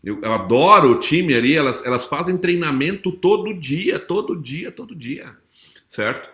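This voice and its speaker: A man's voice: a little high, lively intonation, moderate pace, sharp tone. Emphatic man speaker. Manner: emphatic, repeats phrases, tags lines with "certo?" and "não é?". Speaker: motivational speaker and business consultant. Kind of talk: live talk to a corporate audience. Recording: echoey room.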